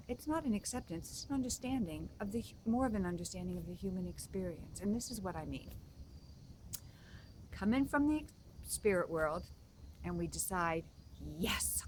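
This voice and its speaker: A woman spiritual coach giving a reflective talk, gently repeating key phrases for emphasis. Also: lowish voice, slight background noise.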